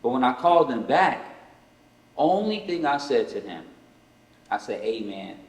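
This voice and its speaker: A man's voice: mid-range voice, big pitch swings, normal speed. Man in his 30s, podcast host, candid and reflective, roomy recording with long reverb. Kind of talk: casual podcast conversation. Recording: echoey room with long reverb.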